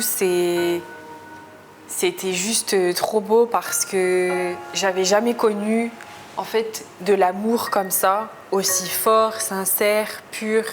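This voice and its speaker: A woman from France giving a personal testimony in a confessional storytelling style, hesitant and searching for her words. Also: mid-range voice. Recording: music behind the voice. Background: clearly audible music.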